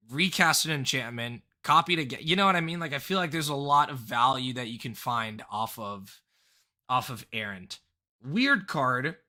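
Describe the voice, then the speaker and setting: A man casually talking through viewer-submitted card decks on a live stream, rambling and excitable, with plenty of fillers and restarts. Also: mid-range voice. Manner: rambling and excitable, full of fillers and self-corrections.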